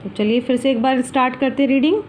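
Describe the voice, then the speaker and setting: A woman teacher giving a slow, deliberate alphabet lesson for children, drawing out each syllable for them to repeat. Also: high voice, darkish tone, slight background noise.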